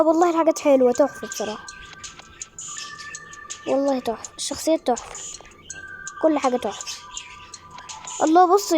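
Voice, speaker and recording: An Egyptian woman in her thirties giving chatty, excited commentary on a mobile game at home, now and then hushing her children. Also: on the high side. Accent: Egyptian Arabic. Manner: excited, chatty, scolding kids aside. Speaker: gaming YouTuber. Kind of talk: casual gameplay commentary.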